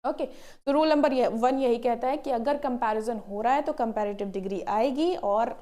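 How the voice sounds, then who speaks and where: A woman's voice: a little high, moderate pace, mellow. Patient woman teaching a lesson. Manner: patient, repeats points and asks the class rhetorical questions. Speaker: English teacher for nursing entrance exams. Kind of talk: explanatory online lesson.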